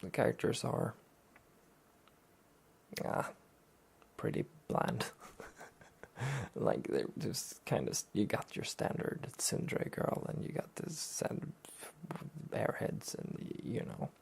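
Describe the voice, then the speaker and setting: A soft-spoken host of an anime talk show gives a relaxed, chill review in a quiet, soft, breathy voice that often drops to a near-whisper, with heavy gravelly fry. His voice sits on the low side yet swoops wildly in pitch. He talks slowly and rambles in a hesitant, understated way.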